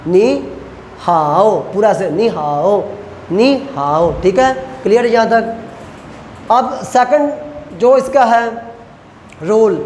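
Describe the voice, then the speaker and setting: A man teaching a class, explaining rules step by step and slowly repeating example phrases. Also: extremely high pitch. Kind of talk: classroom lecture. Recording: echoey lecture hall with faint noise.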